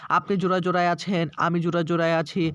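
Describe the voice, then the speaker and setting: Man narrator doing a joking young husband, high voice, dry sound, coaxing. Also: completely flat delivery, very fast, a bit bright, no echo. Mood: teasing. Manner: cheerful, coaxing, teasing.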